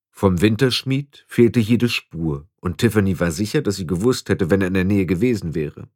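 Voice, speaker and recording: A man narrating a storybook in an expressive, varied reading. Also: fairly low pitch, dry recording, studio quality. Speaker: audiobook narrator.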